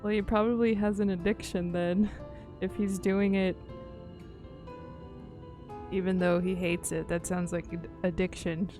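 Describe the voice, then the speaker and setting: Game music plays behind a woman with a lowish, level voice who chats informally on her livestream as she plays. She speaks unhurriedly with long pauses, thinking aloud and frequently leaving sentences unfinished.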